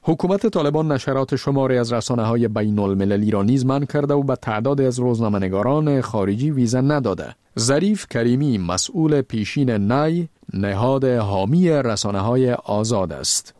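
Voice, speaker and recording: A man's voice: mid-range voice, darkish tone, dry recording, studio quality. A man reads scripted news narration as a radio presenter.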